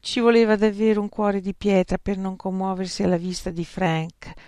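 An audiobook narrator reading a story in a measured storytelling manner. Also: mid-range voice, level tone, darkish tone, clean tone, dry recording, clean studio sound. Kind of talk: scripted narration.

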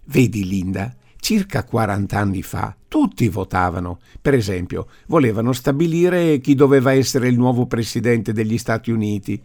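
A gruff, stubborn old grandfather, voiced by a male reader in an audiobook. He declaims with force and indignation, his voice raised. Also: mid-range voice, steady tone, a little fast, few pauses, warm tone, close to an everyday voice. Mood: explaining. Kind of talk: audiobook character voice.

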